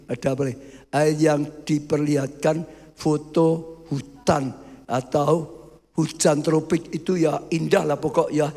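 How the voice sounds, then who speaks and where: Gravelly pastor in a reverberant hall. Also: male voice, a little high, darkish tone. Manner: emphatic, often addressing the congregation as 'brothers'. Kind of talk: sermon. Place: church hall.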